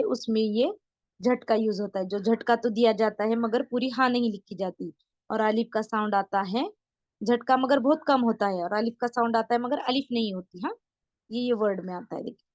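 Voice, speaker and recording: A woman's voice: fairly high pitch, darkish tone, no echo, lo-fi sound. Patient woman teaching Urdu letters. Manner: patient, repeats words slowly and checks understanding often. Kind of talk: online beginner lesson, explaining letters step by step.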